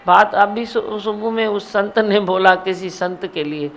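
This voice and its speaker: A woman's voice: mid-range voice, a little slow, a little hiss or hum. A woman guru gives a sermon, scolding and teasing her listeners and mimicking their mumbling. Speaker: spiritual guru. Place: satsang hall.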